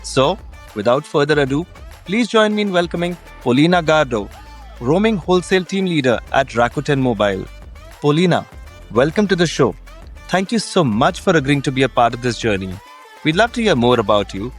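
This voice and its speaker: A man's voice: a little high, very animated, brisk, faint music behind. A man hosting a podcast interview, introducing his guest with effusive, welcoming praise. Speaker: podcast host.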